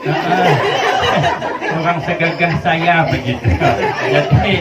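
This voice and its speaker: A man's voice: a little high, slow, heavy background noise. A man in his fifties with a Banjar Malay accent, giving a humorous sermon, telling stories in playful dialogue and chanting Arabic phrases. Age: 50s. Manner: storytelling with playful dialogue and sing-song Arabic recitation. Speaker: preacher. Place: hall with a live audience. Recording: echoey, distant, muffled crowd hall recording.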